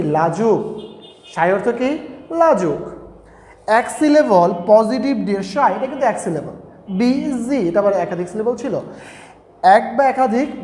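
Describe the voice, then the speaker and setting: A man's voice: high-pitched, darkish tone. A man teaching a grammar lesson, repeating each rule and asking the students questions. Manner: repeats points and quizzes students. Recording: echoey room with long reverb.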